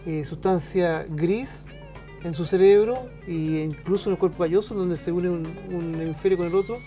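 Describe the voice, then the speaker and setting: Mellow-voiced Chilean man talking slowly. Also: sits high, fairly even intonation, faint music behind. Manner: thoughtful, pausing often with "eh". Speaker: show host and school teacher. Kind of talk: casual conversation on a talk show.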